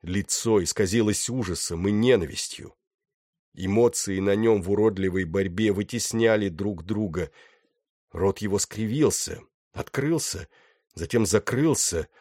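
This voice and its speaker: A man narrating a novel with steady, dramatic storytelling. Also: lowish voice, a little slow, no room sound, clean studio sound. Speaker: audiobook narrator. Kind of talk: scripted narration.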